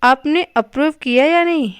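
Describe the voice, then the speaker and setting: A woman's voice: sits high, moderate pace, dry recording, lightly acted. A woman reading a novel aloud, voicing a hearty, joking middle-aged male doctor. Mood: jovial.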